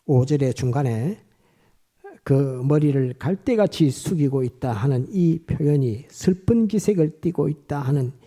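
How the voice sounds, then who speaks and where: Man, pastor, Sunday sermon, slightly high voice, deep warm mellow timbre, hesitant fillers, congregation call-and-repeat. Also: lively intonation. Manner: halting, with many "uh" fillers, leads the congregation in repeated phrases.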